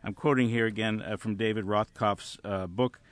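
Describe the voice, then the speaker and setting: A male radio talk show host, speaking in a measured way, with occasional uh's and restarts. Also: lowish voice, steady tone, dry recording. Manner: measured, hesitant with fillers.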